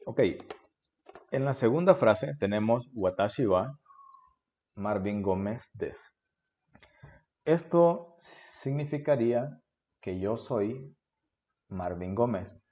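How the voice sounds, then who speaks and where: A man's voice: fairly low pitch, slow, pauses often, warm tone, lo-fi sound. A Honduran man in his forties with a Honduran Spanish accent, patiently explaining a beginner language lesson and often checking in with "ok?". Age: 40s. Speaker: Japanese teacher.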